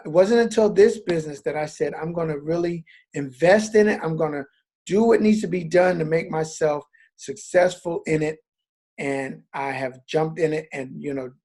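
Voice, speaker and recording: Fifties male presenter, casual and rambling, animated when quoting friends, video-call sound. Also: fairly high pitch. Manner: chatty storyteller, many fillers, animated when quoting. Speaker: network marketing presenter.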